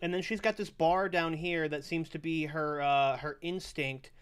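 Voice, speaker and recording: A man's voice: on the high side, fairly even intonation, moderate pace, a bit bright, a little hiss or hum. A young man streaming, chatting casually in a loose, rambling way as he reacts to game news, swearing freely.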